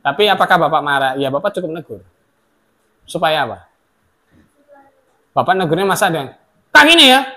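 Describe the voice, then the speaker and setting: Lecturing a classroom, a middle-aged male teacher swings between loud outbursts and soft asides, acting out quoted remarks in sharp voices. His voice is a little high and brisk, broken by long pauses.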